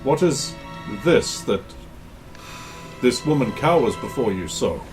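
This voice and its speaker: Stern seafaring captain, acted by a male game master, mid pitch, formal and suspicious, tabletop fantasy, music underneath. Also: sing-song, takes it slowly. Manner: formal, challenging questions. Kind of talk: tabletop role-play. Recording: music behind the voice.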